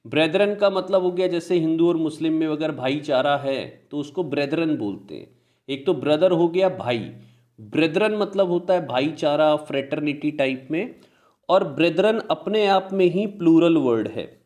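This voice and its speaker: Speaking with an Indian English accent, a man runs a grammar lesson with explanations in Hindi. He reads his example sentences slowly and supplies answers to the questions he asks. His pitch is fairly high and his tone on the dark side.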